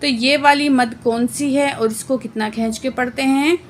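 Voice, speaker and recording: A woman teaching Quran recitation word by word, explaining the rules plainly and reciting verses slowly with drawn-out sounds. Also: sits high, steady tone, a little hiss or hum. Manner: often adds "theek hai" to check understanding. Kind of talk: slow word-by-word recitation lesson.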